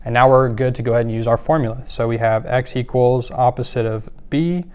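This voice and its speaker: A man's voice: mid-range voice, brisk, clean tone. A man teaching a math lesson, walking through worked examples step by step with occasional fillers. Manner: steady step-by-step explaining with fillers.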